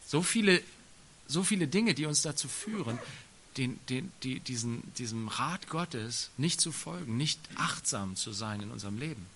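Guy preaching a sermon, bright ringing voice, emphatic, chatty asides. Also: mid-range voice, expressive, moderate pace, slight background noise. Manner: emphatic, colloquial asides with tag questions.

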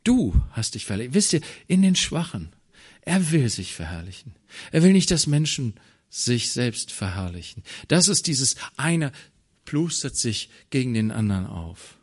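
A man preaching a sermon, animated, swinging from soft asides to loud emphatic lines and talking straight to his listeners. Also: mid-range voice, normal speed, husky. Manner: addresses listeners directly with "wisst ihr".

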